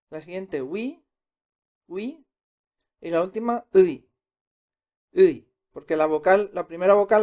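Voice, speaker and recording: In this unhurried pronunciation lesson, a man who teaches Korean takes learners through the sounds step by step, patiently voicing each one twice in a high, mellow voice.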